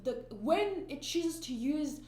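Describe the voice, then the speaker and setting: An anime reaction YouTuber whose first language is Afrikaans speaks in a high-pitched, expressive, mellow voice at a slow pace. Her casual reaction commentary is rambling and emphatic, full of restarts and fillers. The room is roomy, with an echo and a faint hum.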